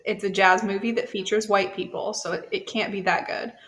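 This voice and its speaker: A woman's voice: medium pitch, steady tone, fairly quick, fairly bright tone. A woman hosting a casual TV chat show, talking loosely with many fillers. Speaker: podcast host.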